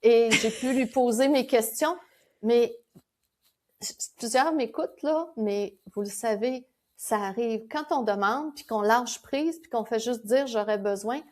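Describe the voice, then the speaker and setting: In a relaxed podcast conversation, a Québécois woman who founded a spiritual school shares her ideas and stories with real energy. Her voice is on the high side and unhurried, and laughter slips in as she explains.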